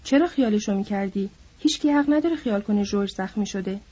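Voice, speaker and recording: A woman's voice: mid-range voice, lively intonation, dark tone, husky, dull audio. A woman voicing a big, simple-minded man who insists anxiously and pleads, in an audiobook.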